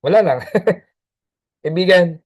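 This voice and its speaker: A man's voice: high voice, slow pace. A man giving an emphatic, preachy motivational business talk, calling the listener brother.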